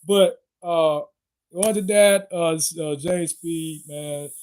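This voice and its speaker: A man hosting his own video, giving a loose, halting sign-off and often stopping to search for words. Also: fairly high pitch, noisy background. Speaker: video host. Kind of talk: casual vlog sign-off.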